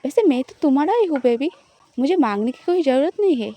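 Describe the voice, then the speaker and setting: A woman voicing a playful, possessive young wife who teases her partner, in a high, mellow voice. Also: animated, quick pace. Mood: teasing.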